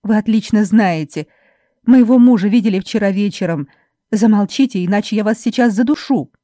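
Brief: a woman playing a seething washerwoman, low muttered menace, dark and dry. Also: normal speed, no echo, lightly acted. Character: furious, seething young washerwoman.

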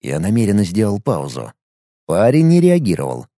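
A man narrating a first-person audiobook, reading in an expressive storytelling manner. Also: on the low side, moderate pace, dry recording, clean studio sound.

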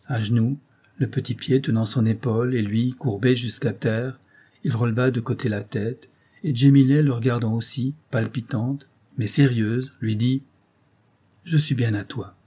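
A man narrating a romantic novel in a measured, lyrical storytelling manner. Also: medium pitch, fairly even intonation, mellow, husky. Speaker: audiobook narrator. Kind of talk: literary audiobook narration.

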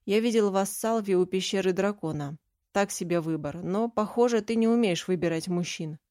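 A woman's voice: mid-range voice, moderate pace, darkish tone, dry recording, studio quality, close to an everyday voice. A woman voicing a stern, secretive young male mage who speaks in a curt, cutting way, in an audiobook reading. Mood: scornful.

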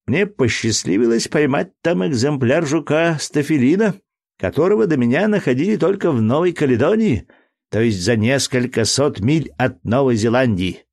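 A man reading aloud, voicing a fussy, excitable male entomologist who lectures with pedantic indignation. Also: medium pitch, normal speed, pitched above the performer's own voice. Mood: fussy, lecturing. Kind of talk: audiobook character voice.

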